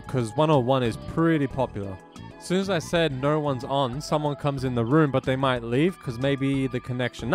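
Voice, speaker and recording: A young man with a phlegmy, rattly chest voice rambles through casual gameplay commentary, slangy and repeating himself, as the host of a gaming video. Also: fairly high pitch. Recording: game music behind voice. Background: video game music.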